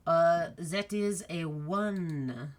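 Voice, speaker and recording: A woman's voice: on the low side, drawn-out words, slight background noise. A woman speaking as game master, casually narrating a tabletop role-playing game and calling for rolls.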